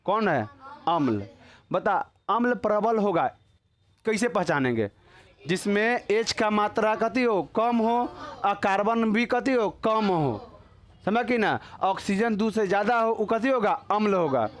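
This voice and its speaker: A man's voice: high-pitched, expressive, unhurried. A man with a Bihari accent teaching a class, constantly quizzing his students in a chatty, joking way. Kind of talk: classroom lecture.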